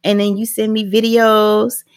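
A woman's voice: mid-range voice, level tone, measured pace, natural voice. Brief: wounded, pushy grandmother voiced by a woman, guilt-tripping tone. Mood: indignant.

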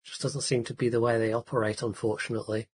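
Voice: mid-range voice, little pitch movement, fast talker, a little mellow, husky, poor audio. A man in a casual podcast chat, talking in a hesitant, thoughtful way.

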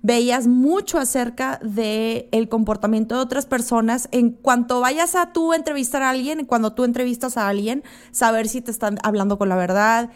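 A Mexican woman co-hosting a casual podcast, her voice a bit high. She chats easily, passing along facts and statistics in relaxed slang. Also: normal speed, few pauses. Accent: Mexican Spanish. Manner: chatty, shares facts and statistics, loose slang. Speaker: podcast co-host. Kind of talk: casual chat.

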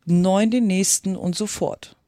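A reader voicing a sad, sighing mock turtle, speaking slowly and plaintively in a storybook reading. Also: medium pitch, fairly even intonation, mellow, no echo, studio quality, lightly acted. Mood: mournful. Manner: slow, drawn-out, plaintive. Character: mournful sighing mock turtle from a fairy tale. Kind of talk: reading a children's classic aloud.

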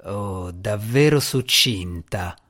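A man with a medium-pitched, everyday-sounding voice reads an audiobook a little slowly, his intonation lively. He plays a boastful, sarcastic male djinni who has taken the shape of a boy, delivering the lines with mocking, theatrical sarcasm in a sardonic mood.

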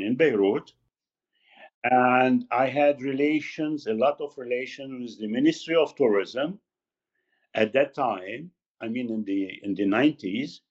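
Halting man, lo-fi audio. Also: mid-range voice. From Lebanon. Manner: halting, searching for words. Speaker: magazine founder, guest. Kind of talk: casual interview talk. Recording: slightly dull lo-fi audio.

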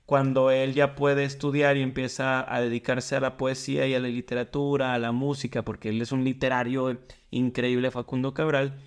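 A man's voice: mid-range voice, flat delivery, normal speed, clear, resonant tone. Male co-host, thoughtful rambling storyteller. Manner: reflective, meandering storyteller. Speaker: podcast co-host. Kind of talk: casual podcast chat.

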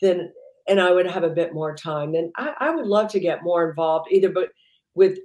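A woman's voice: on the low side, darkish tone, reverberant. A woman entrepreneur being interviewed, chatting casually and rambling with lots of "you know" fillers. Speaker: entrepreneur guest.

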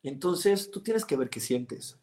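Calm Mexican man giving advice. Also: fairly high pitch, slow. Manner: calm and explanatory, with frequent repetitions and restarts. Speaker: host of a live advice program; reader giving private readings. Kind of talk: reflective advice talk, reading viewer comments.

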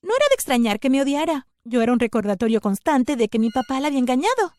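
A woman narrates a scripted first-person story with an expressive delivery. Her pitch is a little high and swings widely. The recording is dry and close, with no room sound. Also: fast, no room sound.

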